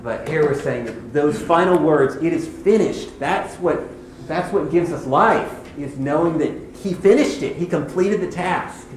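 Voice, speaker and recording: Man, Bible teacher, devotional hymn teaching, conversational, slightly high voice, echoey room. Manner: conversational, reads scripture slowly. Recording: echoey room, faint background noise.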